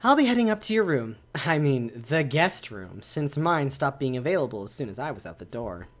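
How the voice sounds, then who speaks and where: A self-assured older sister in a visual novel teases her sibling in a light, easy tone, voiced by a man reading her lines. Her voice rides a lively, bouncy pitch. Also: normal speed, natural voice. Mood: teasing. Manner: light teasing tone. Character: confident older sister, young woman.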